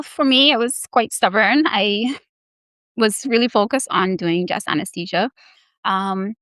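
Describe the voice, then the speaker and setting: A young woman from the Bahamas and Barbados, an anesthesiology resident appearing as a guest, answers interview questions earnestly, with lots of hesitant fillers. Her voice is medium-pitched and a bit bright, and the recording is dry.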